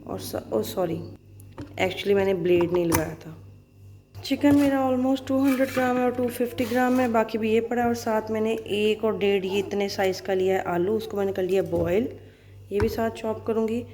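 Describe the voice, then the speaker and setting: A woman in her thirties from Pakistan with a Pakistani Urdu accent, chatting fast and cheerfully in a casual vlog, then walking through a recipe at home. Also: medium pitch, dark tone, a little hiss or hum. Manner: fast-talking, chatty, laughs easily. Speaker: vlogger and schoolteacher. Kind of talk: casual vlog chat and cooking demo.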